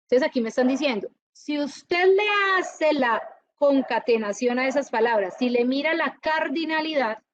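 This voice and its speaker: A woman teaching a university class, lively and often checking whether her students follow. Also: high voice, moderate pace, dull audio, slight background noise. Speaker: university lecturer. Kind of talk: classroom lecture.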